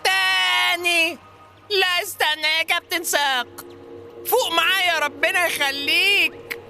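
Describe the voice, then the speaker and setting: A woman's voice: very high voice, steady tone, a little slow, gravelly, sharp tone, soft background music, heavily acted. A woman playing a fussy cartoon sidekick. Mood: fussing. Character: fussy helpful sidekick Safrout. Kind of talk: children's audio drama.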